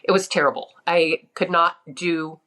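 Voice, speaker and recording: A woman's voice: lowish voice, level tone, normal speed, fairly bright tone. A woman in her fifties, a podcast guest, telling her story in a candid, easygoing way. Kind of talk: casual interview chat.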